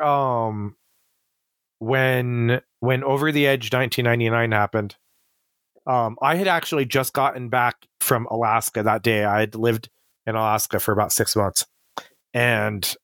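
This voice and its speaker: A man's voice: medium pitch, fairly bright tone, no echo. Rambling middle-aged man, dry close sound. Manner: rambling, many fillers and restarts. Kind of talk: casual conversational storytelling.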